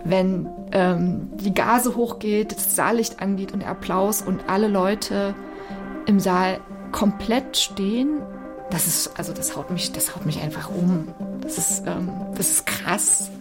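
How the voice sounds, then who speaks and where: A woman speaking with excitement about a play she acts in. She talks with many fillers while she finds her words. Music plays clearly underneath her. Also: medium pitch, measured pace. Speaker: stage actor. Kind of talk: enthusiastic talk about a performance.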